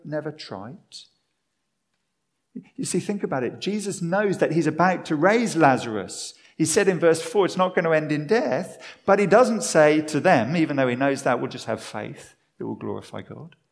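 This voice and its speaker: A man preaching a sermon, lively and animated, dropping to a hushed, slow voice for the tender parts. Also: on the high side, gravelly.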